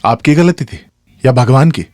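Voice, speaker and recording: A man's voice: medium pitch, moderate pace, no echo, clean studio sound, lightly acted. A man dubbing a cheerful middle-aged man who teases his family as he leaves, in a film scene. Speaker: lead character in a dubbed film. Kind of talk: dubbed film acting. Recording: film soundtrack with loud music.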